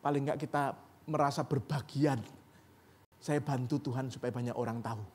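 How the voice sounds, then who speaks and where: A man's voice: mid-range voice, fairly even intonation, normal speed, a little mellow, husky. A man preaching a sermon as pastor in a church, conversational and rising to emphatic peaks. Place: church sanctuary.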